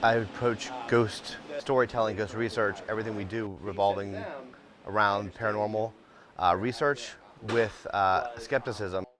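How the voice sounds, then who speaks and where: A man's voice: fairly low pitch, fairly even intonation, moderate pace, crowd noise. A middle-aged man speaking unscripted in an interview about his work as a tour guide, conversational and matter-of-fact. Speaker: ghost tour company owner and guide.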